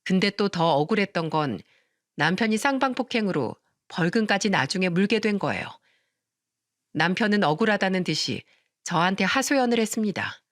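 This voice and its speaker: A woman narrating a story in expressive radio-story style. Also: mid-range voice, moderate pace, no room sound, clean studio sound.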